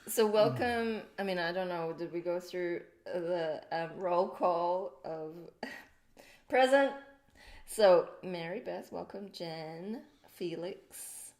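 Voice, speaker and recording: A woman's voice: on the low side, slow pace, darkish tone, reverberant. A woman hosting a casual spiritual livestream, chatty and laughing as she greets viewers by name. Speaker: host.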